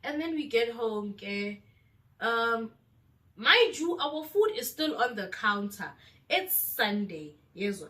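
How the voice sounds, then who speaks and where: A woman's voice: a little high, sing-song, takes it slowly, pushed and bright, distant mic. A woman with a South African accent telling a casual storytime vlog, chatty and mixing in local slang. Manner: chatty, mixes local slang into her speech. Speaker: vlogger.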